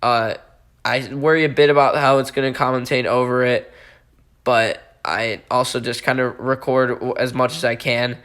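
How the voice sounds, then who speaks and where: A man giving casual gameplay commentary over his football video game footage, talking in a halting way with many fillers. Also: mid-range voice, little pitch movement, a bit bright, clear, resonant tone. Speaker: gaming YouTuber.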